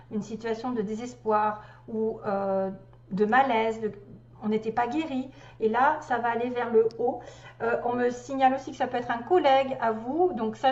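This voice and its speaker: A woman's voice: on the high side, darkish tone. A woman doing a casual tarot card reading for viewers, thinking aloud and chatty as she turns each card. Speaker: tarot reader. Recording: echoey room, dull lo-fi sound.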